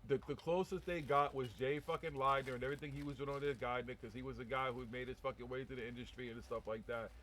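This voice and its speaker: A man hosting an informal live talk show. He rambles in a blunt, conversational way and peppers everything with heavy swearing. His voice sits at an ordinary middle pitch. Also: steady tone, fast talker, hardly any pauses, fairly bright tone, a little hiss or hum. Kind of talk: casual profane live chat.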